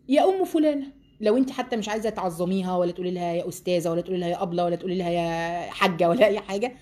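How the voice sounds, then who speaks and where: A woman with an Egyptian Arabic accent gives a religious lesson to a group of women. She reads passages aloud and then explains them in a lively way. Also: on the high side. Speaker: Quran teacher.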